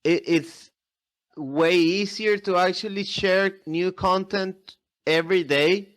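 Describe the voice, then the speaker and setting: A man with a somewhat high voice talks casually as an interview guest. His English is non-native, and he often doubles back, repeating words and short phrases as he explains. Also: slow, a bit bright. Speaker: podcast guest, airsoft video creator.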